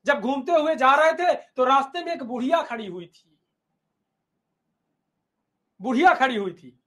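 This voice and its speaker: High-voiced male teacher telling a story. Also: measured pace. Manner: animated storytelling, repeats phrases. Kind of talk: storytelling to students in a lesson.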